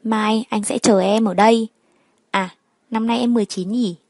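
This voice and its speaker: A woman's voice: fairly high pitch, steady tone, moderate pace, a little mellow, no echo. Coaxing, scheming male boss, middle-aged, dry close voice , played by a woman.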